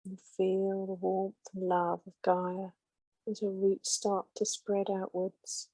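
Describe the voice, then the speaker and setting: A woman softly talks listeners through a meditation, pacing it slowly to soothe. Her mid-range voice is mellow, slightly breathy, and essentially monotone, with very little movement. The audio is close and dry with no room sound, though the recording is rough.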